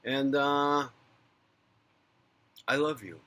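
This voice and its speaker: A psychic medium and spiritual talk host based in a big city speaks directly to his viewers in an unscripted monologue, his voice bright, forceful, and medium-pitched. He talks extremely slowly, rambling candidly and swearing freely, swinging from loud rants down to soft murmurs.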